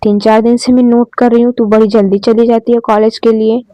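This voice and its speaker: A woman's voice: on the high side, little pitch movement, a little fast, dry recording, lo-fi sound, natural voice. A woman voicing a curious middle-aged mother who keeps asking questions in a Hindi audio story. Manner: questioning, teasing.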